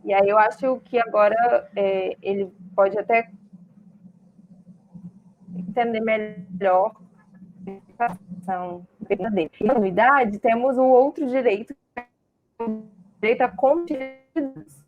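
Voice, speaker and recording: A woman's voice: a little high, fairly even intonation, unhurried, pauses often, muffled recording, soft background music. Woman on a glitchy, breaking-up video call. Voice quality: hesitant, restarts words with many "é" fillers. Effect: glitchy, breaking-up internet audio. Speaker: speaker on data protection law. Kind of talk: online talk. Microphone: video call over the internet.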